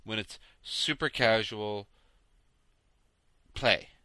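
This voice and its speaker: Tired, bright-toned male podcast host. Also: on the low side, drawn-out words, clean tone, dry recording. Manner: relaxed, rambling, tired late-night delivery with yawns. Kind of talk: casual solo podcast chat about games.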